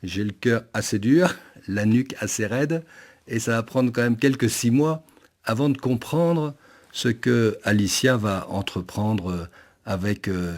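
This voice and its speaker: Male priest, deeper voice, measured and humble in an interview. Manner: measured, self-deprecating. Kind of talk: interview answer.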